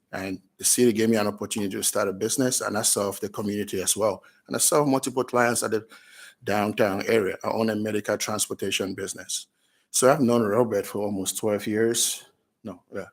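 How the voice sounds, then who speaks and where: A man with a fairly low voice gives earnest testimony at a public hearing. He is a French speaker by birth who often stops and restarts his sentences. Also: fairly even intonation, brisk. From Cameroon. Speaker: public testifier, business owner.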